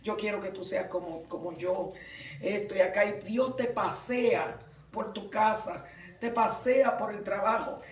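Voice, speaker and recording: A man preaching a sermon in a church, fervent and emphatic, rising at times to shouts. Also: high voice, steady tone, a little slow, a little hiss or hum. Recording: roomy, from far off the mic.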